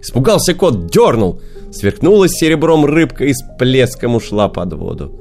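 A man narrating children's fairy tales as an audiobook, in a lively, expressive storytelling manner. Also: mid-range voice, normal speed, soft background music.

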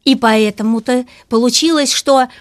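A woman guest speaking as a music expert, explaining things lively and asking rhetorical questions. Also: on the high side, normal speed, no room sound. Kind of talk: radio talk about opera.

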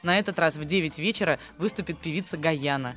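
Man, radio host, high voice, reads letters, joking. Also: fast, a bit bright, faint music behind. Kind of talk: radio talk show.

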